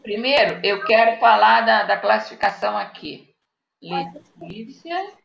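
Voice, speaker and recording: A woman's voice: mid-range voice, animated, a little slow, vocal fry. A woman with a Brazilian Portuguese accent teaching a live online class to young children, dictating patiently and checking in often. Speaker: primary school teacher. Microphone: video call. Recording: echoey, muffled video-call audio.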